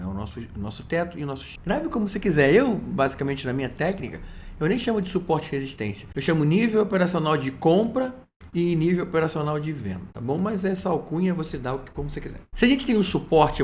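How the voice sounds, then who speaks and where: A man teaches trading in a loose, chatty video lesson, full of slangy asides and stories. His voice sits fairly high for a man. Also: a little hiss or hum. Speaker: trading instructor.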